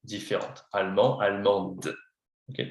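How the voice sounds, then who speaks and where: Man, French teacher, patient, slow delivery, letter-by-letter spelling, roomy echo. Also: fairly low pitch, little pitch movement. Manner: patient, spells words out letter by letter, switches to English to explain. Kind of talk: one-on-one beginner lesson, slow and repetitive.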